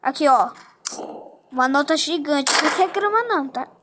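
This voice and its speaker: A high-voiced female speaker acting out a playful improvised story, doing several characters in turn. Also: expressive, moderate pace, background noise.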